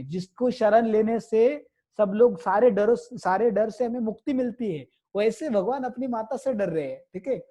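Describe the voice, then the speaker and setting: A male devotional storyteller with a high, soft and mellow voice. He retells the tale in a loose, repetitive way, stopping often to explain and check in with listeners. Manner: repetitive, explanatory, frequent asides.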